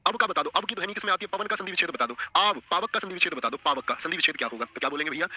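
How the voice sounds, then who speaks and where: A man's voice: fairly high pitch, expressive, very fast, pushed and bright. A man teaching an online exam-prep lesson, coaxing the class and repeating his questions.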